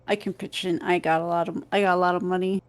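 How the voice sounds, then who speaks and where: A woman's voice: on the low side, flat delivery, fast. A woman playing at a tabletop game, chatting casually and joking. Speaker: player.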